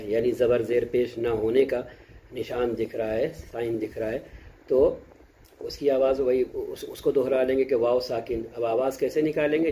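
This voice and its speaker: A man's voice: mid-range voice, dark tone, poor audio. Patient man drilling Arabic letter sounds. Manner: patient, repeats each point with synonyms and drills syllables. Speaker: Quran recitation teacher. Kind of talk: explanatory lesson. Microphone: close mic, shows lip shapes to camera.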